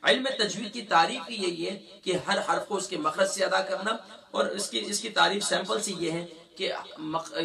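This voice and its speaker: Bright, high-voiced male Quran teacher. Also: creaky, recorded from a distance. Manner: demonstrates sounds slowly, repeating letters with drawn-out recitation. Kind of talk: religious lesson with recitation drills.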